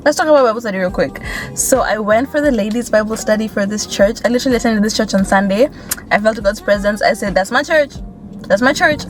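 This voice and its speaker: Driving through city streets, a young woman vlogger with a Kenyan accent chats candidly and quickly in a mid-range voice. She uses lots of fillers, and loud road noise from the car is audible throughout.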